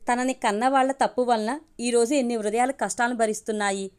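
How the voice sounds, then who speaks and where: A woman reads a family story aloud as an audiobook narrator. Her voice is a little high, and she keeps a steady, measured pace through the narration. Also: clear, resonant tone.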